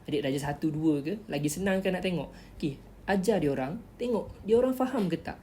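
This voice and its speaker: Giving interview tips in a casual tutorial vlog, a woman speaks briskly and expressively in a lowish, dark voice. Her advice is chatty and instructive, with key words repeated as she explains, over slight background noise.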